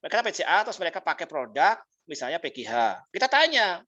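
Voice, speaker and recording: A man teaching a business class as a mentor, telling stories in an animated way, laughing often and acting out the people he quotes. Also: fairly high pitch, quick pace, lo-fi sound. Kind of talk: motivational storytelling talk. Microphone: video call.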